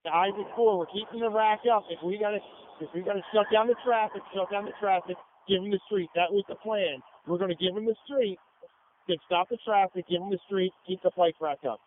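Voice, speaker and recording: A man's voice: sits high, brisk, slight background noise. A man commanding police over the radio, blunt and emphatic, repeating his orders. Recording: tinny narrow-band police radio audio.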